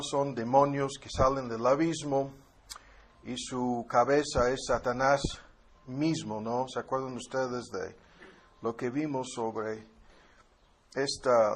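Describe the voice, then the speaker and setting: A man teaching a Bible class, explaining at a relaxed pace with tag questions and fillers, and reading scripture aloud before commenting on it. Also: mid-range voice.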